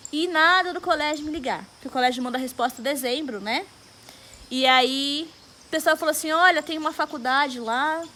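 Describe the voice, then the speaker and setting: A young woman with a Brazilian Portuguese accent speaks in a high voice while giving a personal testimony to her congregation. She tells her story with emotion and animation and slips into the voices of the people and prayers she quotes. Faint noise sits behind her. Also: a bit bright.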